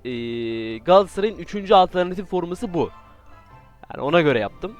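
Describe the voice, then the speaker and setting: Gaming commentator, male, higher voice, excitable and joking, faint music bed. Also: a little fast, muffled recording. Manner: excitable, joking trash talk, sudden outbursts. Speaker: gaming YouTuber. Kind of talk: casual gameplay commentary.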